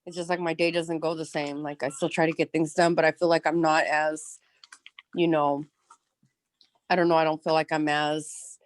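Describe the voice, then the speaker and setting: Lowish woman on a team call, dry close sound, kinda searching for words. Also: flat delivery, normal speed, pauses often, dry recording. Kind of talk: casual group meeting chat.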